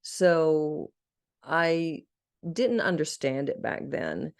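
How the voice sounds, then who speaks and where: A woman's voice: deep voice, drawn-out words, vocal fry, clear, resonant tone. A middle-aged woman from Arkansas, a podcast guest telling her life story in an earnest, heartfelt and candid way. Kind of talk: personal storytelling in a podcast interview.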